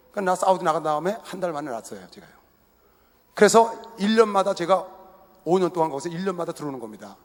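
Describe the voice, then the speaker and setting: A middle-aged male pastor telling a personal story in a sermon, acting out family dialogue in an animated way in a large indoor arena. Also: fairly high pitch. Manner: animated storyteller who acts out family dialogue and laughs at himself. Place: large indoor sports arena used for worship. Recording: echoey arena hall.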